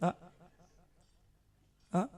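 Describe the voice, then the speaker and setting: A man giving a devotional sermon, telling stories in a folksy, humorous, animated way. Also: very slow. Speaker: kathakar, preacher.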